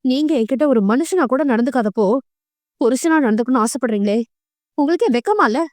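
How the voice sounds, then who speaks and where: A woman's voice: high voice, expressive, a little fast, no room sound, studio quality. A woman voicing a hurt but proud young schoolteacher wife in an audio novel, speaking sharply and defiantly. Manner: pleading, then sharp and defiant.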